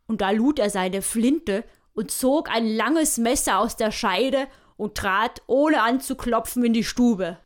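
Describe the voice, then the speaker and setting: A woman telling a bawdy comic fairy tale in a hearty, rambling, folksy yarn style. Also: fairly high pitch. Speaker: storyteller.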